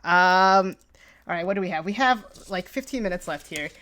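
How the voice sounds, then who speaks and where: A woman's voice: on the low side, lively intonation, moderate pace, fairly bright tone, a little hiss or hum. A woman hosting a podcast in casual chat, talking loosely with many fillers and easy laughter. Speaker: podcast host.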